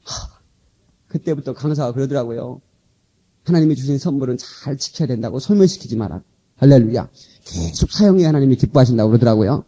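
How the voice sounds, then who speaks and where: A Korean man preaching a revival sermon as pastor, animated, coaxing and scolding his congregation, heard from an old cassette tape transfer. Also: medium pitch, fast talker, breathy edge, dull audio. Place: church sanctuary.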